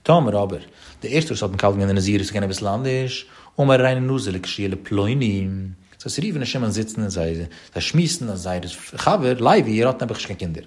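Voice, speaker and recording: A man's voice: on the low side, animated, brisk, darkish tone. Man in a singsong study lecture. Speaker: religious study teacher.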